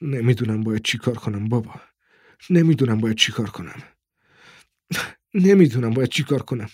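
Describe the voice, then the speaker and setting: A man's voice: mid-range voice, animated, a little mellow, slightly rough, no room sound, clean studio sound. A man voicing a frightened young boy hiding from pursuers, small and pleading. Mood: panicked.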